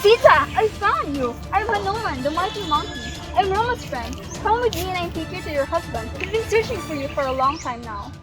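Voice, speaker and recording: Woman playing a friendly mighty monkey, very high, eager, background music. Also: very animated, brisk, few pauses. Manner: eager, reassuring.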